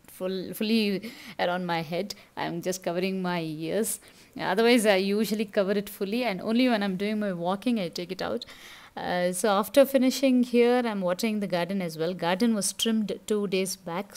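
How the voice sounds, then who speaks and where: A woman's voice: medium pitch, darkish tone. Tamil-accented woman narrating a home vlog. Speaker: home vlogger. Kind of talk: casual narration of a morning household routine.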